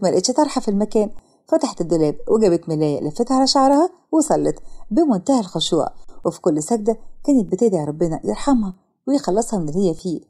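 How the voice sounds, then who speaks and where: A woman with an Egyptian accent narrating a dramatic story in a lively storytelling manner. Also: mid-range voice, husky. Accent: Egyptian Arabic.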